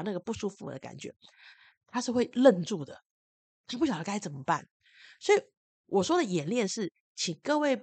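A woman hosting a podcast, telling personal stories and advice with lively acted-out quotes. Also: medium pitch, husky, dry recording. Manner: animated storytelling, loudly acts out quoted speech. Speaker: podcast host and spiritual adviser. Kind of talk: personal storytelling monologue.

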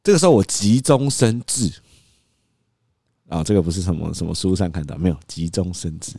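A man, hosting a podcast and telling a story in a casual, animated way, acting out quotes and laughing often. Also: deep voice, fairly quick, gravelly, husky, no echo, clean studio sound. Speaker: podcast host.

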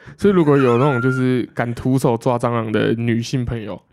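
Man, Taiwanese Mandarin accent, podcast co-host, excitable casual chat, fast speech. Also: mid-range voice, slight background noise. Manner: excitable, chatty.

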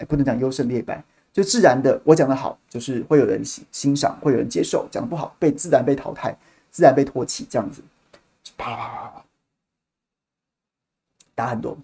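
A man hosting a podcast, telling a story in an animated, casual way and repeating words as he goes. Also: on the high side. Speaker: podcast host.

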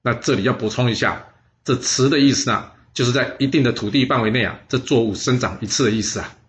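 A man's voice: medium pitch, quick pace, a bit bright, highs cut off. A man telling history stories for an audiobook, chatty and playful, often asking listeners questions. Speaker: storyteller.

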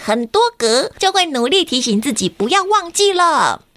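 A woman's voice: high-pitched, big pitch swings, moderate pace, fairly bright tone, no echo, voice pushed up. A woman voicing a helpful, keen little schoolgirl explaining her idea in a storybook.

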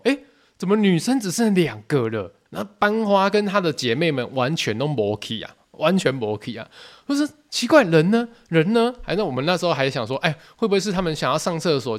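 A young man with a Taiwanese Mandarin accent, hosting a podcast and telling a story in a lively, casual way, acting out other people's voices. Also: medium pitch. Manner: animated, quotes people in shifting voices. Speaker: podcast host.

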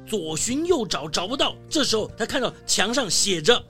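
A woman storyteller narrating a tale for children, full of little exclamations. Her pitch leaps around as she tells it, and quiet music plays underneath. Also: normal speed, breathy edge. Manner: lively, exclaiming, full of fillers like 哎呦.

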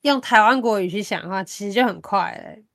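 Woman, Taiwanese Mandarin accent, mid-pitched voice, casual podcast talk, colloquial delivery, dry close sound. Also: a little fast, vocal fry, a bit bright, dry recording. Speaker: podcast host. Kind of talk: casual chat.

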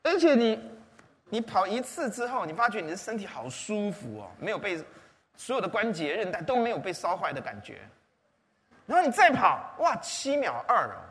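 A man's voice: high voice, normal speed. A man preaching a sermon as pastor, often asking the congregation questions. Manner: animated, rhetorical questions to the congregation. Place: church hall. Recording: long hall reverb.

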